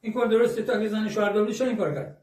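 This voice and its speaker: A man with a high voice pleads insistently, repeating the same words over and over. He is recorded from a distance in an echoey room with faint noise behind him. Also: a little mellow. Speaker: accused man in a confrontation. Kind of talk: heated confrontation.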